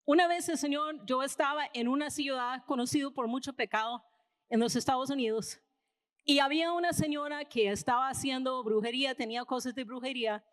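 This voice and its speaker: A woman's voice: high voice, brisk. A woman with an American accent preaching a conversational sermon in a church hall, telling stories casually and checking in with her listeners. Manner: casual storytelling, tags lines with "¿verdad?". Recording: reverberant hall.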